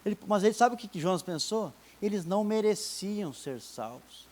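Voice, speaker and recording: A man's voice: high-pitched, animated, moderate pace, a little mellow. A man, a pastor preaching a sermon in a chatty way, with laughing asides and scripture read aloud with rising emphasis.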